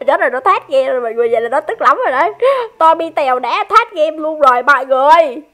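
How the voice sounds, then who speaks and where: A woman with a very high, bright-sitting voice commentating a game. She is excited and teasing, chatting to her viewers between bursts of laughter. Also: quick pace. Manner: addresses viewers directly. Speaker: gaming YouTuber.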